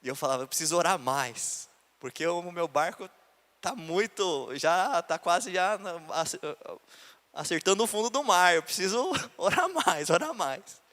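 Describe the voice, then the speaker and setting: A man's voice: high voice, lively intonation, a little slow, a bit bright. A man, a pastor telling his own story in a sermon, acting out the voices of the people he quotes. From Brazil. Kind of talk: sermon testimony. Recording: long reverb of a church hall.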